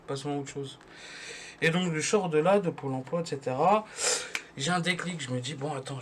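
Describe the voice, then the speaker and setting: Young guy doing stand-up at home, slangy and rambling, kinda high voice, little bit of hiss behind. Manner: slangy, rambling storytelling with restarts. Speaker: comedian. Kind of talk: stand-up comedy monologue.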